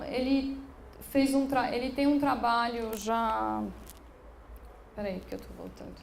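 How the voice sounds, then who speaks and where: A slightly high, somewhat mellow female voice belongs to a curator from São delivering a public lecture. She speaks hesitantly, restarting often and using many fillers. It was recorded in a room of an occupied building, echoey with faint background noise.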